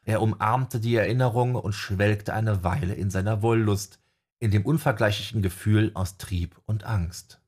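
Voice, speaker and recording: A male narrator reads a fantasy audiobook in a calm, measured way. His voice is low and husky, with a breathy grain. The pacing stays steady and unhurried.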